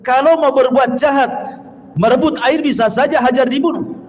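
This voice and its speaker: High-voiced preacher man in a reverberant hall. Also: moderate pace, lo-fi sound. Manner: emphatic, rhetorical questions to listeners; recites Arabic verses, then explains them. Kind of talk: sermon to a congregation. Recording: long hall reverb, faint background noise.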